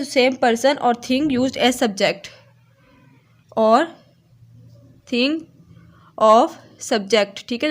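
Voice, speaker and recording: Teacher lady, kinda high voice, slow explaining, keeps saying theek hai. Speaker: English teacher. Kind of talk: online grammar lecture.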